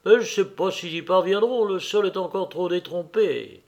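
A man's voice: high-pitched, lively intonation, normal speed, vocal fry, a little mellow, pitched above the performer's own voice. A man reading an audiobook voices a male estate steward who drawls excuses and starts his lines with "ben" and "oh". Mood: whining. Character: fretful peasant estate steward, male, evasive.

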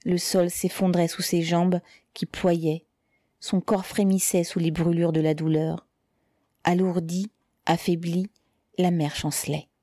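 Mellow-voiced woman narrating a novel. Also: fairly low pitch, no room sound, studio quality. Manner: steady, measured literary reading. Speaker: audiobook narrator. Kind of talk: scripted narration.

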